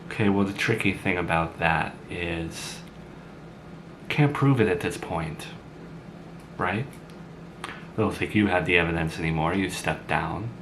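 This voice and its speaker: A man's voice: low-pitched, a little slow, long pauses, noisy background. A man voicing a blunt, sarcastic grown woman who had a child young, in an amateur drama. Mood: guarded. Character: blunt sarcastic mother, grown woman, once a teen mom.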